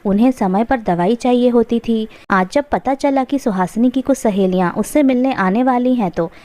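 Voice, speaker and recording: A woman storyteller giving steady, measured scripted narration of a moral story. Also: on the high side.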